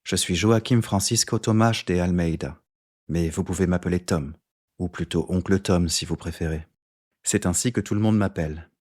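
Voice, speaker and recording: A man's voice: low-pitched, moderate pace, a little mellow. A man doing a sleepy, thick-voiced old man. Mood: weary. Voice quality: thick, pasty voice.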